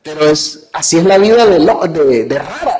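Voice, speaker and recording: A high-pitched man preaching as a pastor. He retells scripture in his own words and keeps asking his listeners questions, then answers them himself. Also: lively intonation, normal speed, a little mellow, low-quality recording. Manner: asks the congregation rhetorical questions. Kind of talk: sermon.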